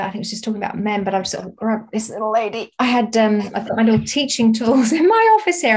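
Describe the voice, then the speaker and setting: A woman therapist as a guest in a casual chat, telling animated stories. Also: medium pitch. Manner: animated storyteller.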